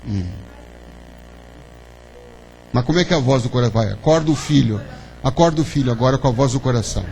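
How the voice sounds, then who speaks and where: A man's voice: medium pitch, fast talker, dark tone, low-quality recording. A man giving a spiritist lecture to an audience, conversational and full of questions to the listeners and tag "né?". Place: lecture hall of a spiritist center. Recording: faint hum behind the talk.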